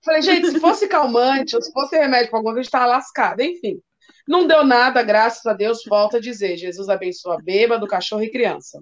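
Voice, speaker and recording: Speaking briskly in a fairly high voice, a woman who coordinates at a school shares stories casually and lively, imitating the kids' voices. The recording has a dull, lo-fi quality.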